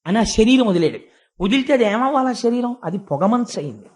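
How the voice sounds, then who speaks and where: Man, high voice, devotional storytelling discourse, acts out the characters' lines, live audience on stage. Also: lively intonation, brisk. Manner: dramatizes characters' speech in retold scripture stories. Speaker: spiritual discourse speaker.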